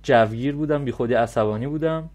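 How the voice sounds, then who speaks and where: A man's voice: mid-range voice, a little mellow, slight background noise. A man giving casual let's-play commentary, chatting and loosely translating game dialogue. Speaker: gameplay commentator.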